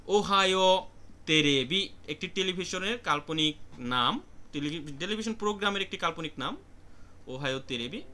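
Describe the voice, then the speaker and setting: Bright-voiced Bangladeshi man teaching Japanese. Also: a little high. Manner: explains word by word, calls on students. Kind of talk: online class vocabulary lesson.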